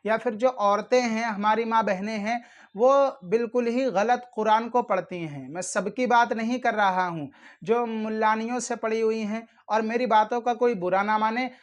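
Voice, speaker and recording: High-voiced man giving earnest religious instruction. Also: moderate pace. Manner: earnest, admonishing, repeats warnings; addresses viewers directly and formally. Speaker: channel host teaching prayer rules.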